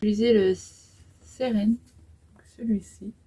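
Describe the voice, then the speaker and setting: A woman's voice: mid-range voice, fairly even intonation, measured pace, warm tone, slight background noise, low-quality recording. A woman in her twenties talking through a makeup tutorial in a casual, hesitant way, with many fillers as she applies eyeshadow. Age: 20s. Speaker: beauty vlogger.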